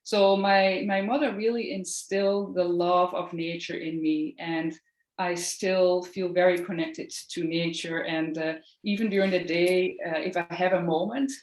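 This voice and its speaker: A woman from the Netherlands with a Dutch accent, in her thirties, talking earnestly and gently as a podcast guest. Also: fairly low pitch, fairly even intonation, a little slow, roomy sound. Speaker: podcast guest, Reiki practitioner. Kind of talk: casual interview chat.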